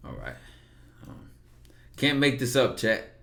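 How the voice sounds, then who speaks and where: A man's voice: medium pitch, sing-song, slow, gravelly, a bit bright, slight background noise. A man hosting a live stream and taking callers, talking bluntly and loosely, with swearing and rhetorical questions. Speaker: streamer hosting call-ins. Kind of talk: casual live-stream chat.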